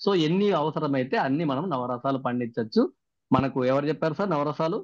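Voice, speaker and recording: A man's voice: mid-range voice, lively intonation, fast talker, no room sound. A man, the trainer of a workshop, recaps the sessions and keeps putting questions to the participants over a video call. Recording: dry, muffled video-call audio.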